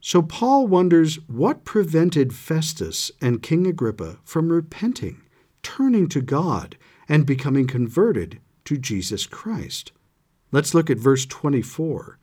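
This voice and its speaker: Lively-voiced man reading scripture. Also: fairly high pitch, slow pace, husky. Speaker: scripture study teacher. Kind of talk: scripture reading and lesson commentary.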